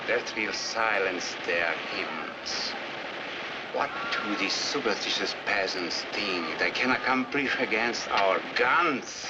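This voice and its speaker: An actor playing an imperious, contemptuous Soviet premier who barks orders, in a 1950s film. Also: male voice, fairly high pitch, big pitch swings, moderate pace, hardly any pauses, very noisy. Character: imperious scornful Soviet premier, older man. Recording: dull 1950s film soundtrack.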